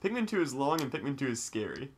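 A young man giving casual, excitable, joking commentary as he hosts a game playthrough. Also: mid-range voice, quick pace, breathy edge. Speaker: let's play host.

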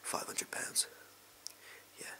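In a small room at home, close to the camera mic, a young English man whispers a role-play as a shady, amoral backstreet gun dealer. His voice is slow, pushed and bright, delivering furtive, clipped, offhand sleazy sales patter in a secretive, selling mood.

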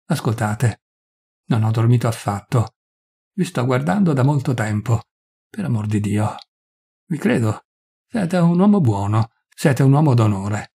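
A man's voice: mid-range voice, expressive, a little slow, creaky, dark tone, breathy edge, heavily acted. A man voicing a young dying noblewoman who pleads in a breathless, feverish way. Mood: pleading.

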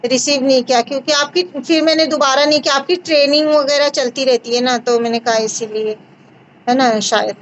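High-voiced woman hosting a video call. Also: fairly even intonation, fairly quick. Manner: warm, reassuring, says mashallah. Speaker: host of a home remedy channel. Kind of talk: casual video call chat. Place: small room indoors. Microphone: video call on phone. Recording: dull lo-fi video call audio.

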